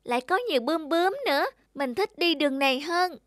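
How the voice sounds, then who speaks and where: A woman's voice: high-pitched, a little fast, noisy background, natural voice. A woman voicing a sweet, naive little girl in a children's fairy-tale cartoon, polite and childlike. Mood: carefree. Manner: bright-eyed, polite, childlike. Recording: music under the voice.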